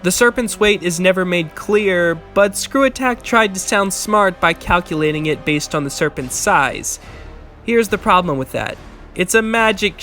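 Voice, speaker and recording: A man with a high-set voice reads a scripted rebuttal. He sounds argumentative and matter-of-fact as he corrects claims, with some music underneath. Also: pushed and bright. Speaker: video essayist and commentator.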